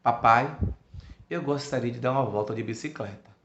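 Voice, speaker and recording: A frail, gravely ill boy who pleads softly and earnestly, as a man tells his story. The voice keeps a gravelly edge. It sounds muffled in an echoey room. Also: medium pitch, moderate pace, slight background noise, close to an everyday voice. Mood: pleading.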